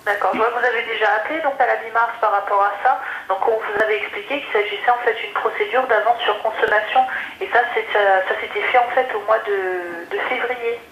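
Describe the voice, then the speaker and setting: A woman's voice: a little high, fast talker, a bit bright, echoey room, a little hiss or hum. A woman working as a customer service adviser, speaking into a call-centre headset and heard over a phone line. She stays polite and formal, with many fillers.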